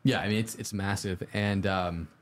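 Upbeat, lower-voiced man giving tidy advice. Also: fairly even intonation, moderate pace. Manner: informal, conversational, posing questions to the audience. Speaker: host of a live-streamed IT study show. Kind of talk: casual livestream advice talk.

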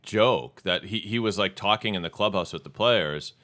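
A man's voice: lowish voice, normal speed. A man from New England telling sports memories in a casual chat, with lots of fillers and restarts. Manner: animated storyteller, hedging with fillers.

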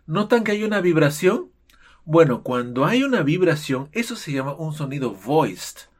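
Animated teacher. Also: male voice, on the high side, normal speed. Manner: animated, playful, acts out students' objections. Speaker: English teacher. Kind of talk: online pronunciation lesson.

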